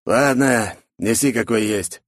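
A man's voice: on the low side, slow pace, dry recording, clean studio sound, pitched above the performer's own voice. A man voicing an arrogant, callous boss who drawls and lapses into pompous speeches. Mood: lordly. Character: arrogant, callous male boss, grandiose and mocking. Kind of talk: audiobook character voice.

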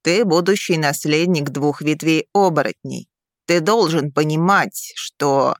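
Female narrator voicing a werewolf lord father, low and steady, dry close read. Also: unhurried, no echo. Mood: reasoning. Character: stern, affectionate widowed noble father, werewolf. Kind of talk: audiobook character reading.

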